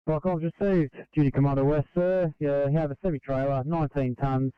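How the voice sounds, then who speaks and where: Male emergency dispatcher: higher-pitched, very crisp, formal read-backs, slightly dull two-way radio sound. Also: steady tone, brisk, no room sound. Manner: formal, repeats messages back. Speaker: fire communications dispatcher. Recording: dry, muffled radio dispatch audio.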